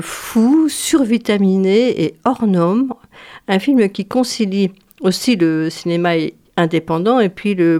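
A woman with a slightly low voice gives a film column in a radio studio. She talks in a chatty, hesitant way and often pauses on fillers. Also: darkish tone.

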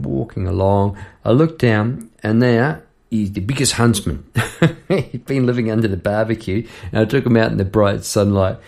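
Gravelly New man spinning a yarn. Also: on the low side, darkish tone. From New Zealand. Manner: chatty, rambling, laughs between lines. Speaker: podcast host and songwriter. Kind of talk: casual storytelling monologue.

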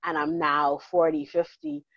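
Chatty Bahamian woman with a lower voice. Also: sing-song, measured pace, creaky, dry recording, lo-fi sound. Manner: warm, chatty and laughs easily. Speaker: counselor and guest. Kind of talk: casual interview conversation.

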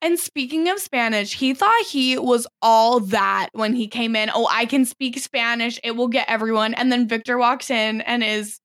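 A woman's voice: on the high side, moderate pace, few pauses, fairly bright tone, no echo, clean studio sound. A woman co-hosting a podcast in casual chat, wry and teasing, laughing often. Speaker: podcast co-host.

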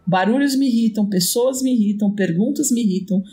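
Woman co-host, high voice, dramatic casual storytelling, soft music underneath. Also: fairly quick. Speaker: podcast co-host. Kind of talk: casual chat.

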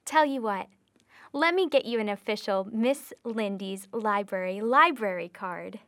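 A woman's voice: mid-range voice, lively intonation, unhurried, fairly bright tone, dry recording, clean studio sound. A young woman hosting a children's video as a cheerful librarian, with a sing-song manner meant for small kids.

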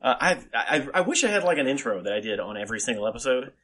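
A man hosting a podcast in casual chat, emphatic and halting, repeating himself and swearing freely. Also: medium pitch, lively intonation, sharp tone, soft background music. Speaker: podcast host.

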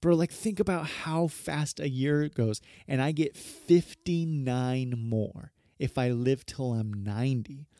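A man's voice: mid-range voice, fairly even intonation, slow pace, hardly any pauses, dark tone, no room sound, studio quality. A man in his thirties, a pastor hosting a podcast, talking casually in a rambling, earnest way and often correcting himself. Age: 30s.

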